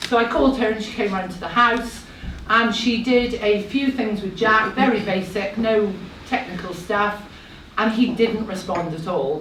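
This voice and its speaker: A woman's voice: medium pitch, a bit bright. A woman in her thirties tells a personal story to a live audience. She talks in a chatty, slightly nervous way and drops self-deprecating asides as she goes. She is picked up from a distance in an echoey room, over faint background noise. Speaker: speaker at a live talk event.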